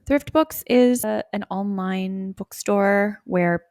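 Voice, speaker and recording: A woman's voice: medium pitch, slow pace, darkish tone, no echo, clean studio sound. A young woman co-hosting a podcast, chatting casually, laughing often and filling her talk with "like". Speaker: podcast co-host. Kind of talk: casual chat.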